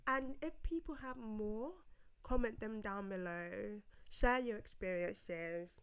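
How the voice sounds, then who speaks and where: A woman's voice: medium pitch, takes it slowly, smooth. A young woman co-hosting a casual podcast chat, talking emphatically and acting out quoted lines. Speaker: podcast co-host.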